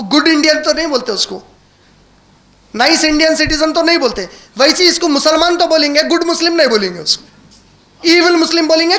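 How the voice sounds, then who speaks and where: A man giving an impassioned religious talk, rising to emotional emphasis and dropping low to tell stories. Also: sharp tone. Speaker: Islamic preacher.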